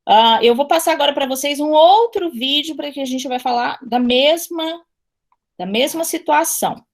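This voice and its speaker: A woman's voice: sits high, moderate pace. A woman from western Paraná teaching a linguistics class online, chatty and full of fillers and restarts. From western Paraná, Brazil. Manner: chatty, many fillers and self-corrections.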